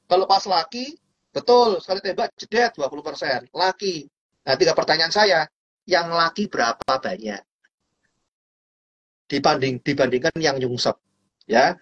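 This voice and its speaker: A man with a husky, slightly breathy voice talks through stock trading in a relaxed, chatty way. He is animated and playful, and he acts out small scenes with sound effects. The recording sounds dull and lo-fi. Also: on the high side, normal speed, pauses often. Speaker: stock trading guest speaker. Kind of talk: casual explanatory chat.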